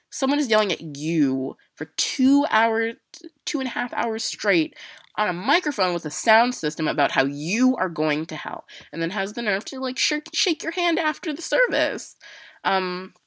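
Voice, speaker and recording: A young woman telling a personal story in a casual, halting way, full of fillers and restarts, with emotion close to the surface. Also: mid-range voice, sing-song, fairly bright tone, no room sound. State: emotional, near tears.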